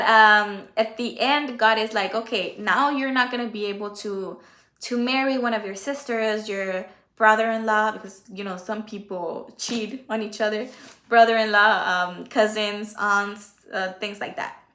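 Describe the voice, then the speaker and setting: Here the same kind of livestream host, a woman whose first language is Spanish, has a medium-pitched voice with a steady yet sharp tone and an unhurried delivery. Reading the Bible aloud and commenting casually, she chats, corrects herself, and trips on names in an echoey room.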